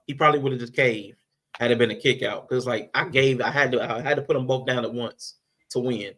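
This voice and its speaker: A man's voice: mid-range voice, fairly even intonation, a little fast, a bit bright, low-quality recording. A man co-hosting a wrestling review podcast, talking casually and animatedly, repeating himself and laughing often. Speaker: podcast co-host.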